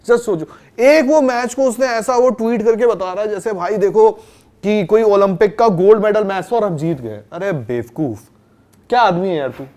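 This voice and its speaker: A man's voice: high voice, normal speed, a little mellow. A man co-hosting a cricket talk show, mocking and scornful in casual panel chat.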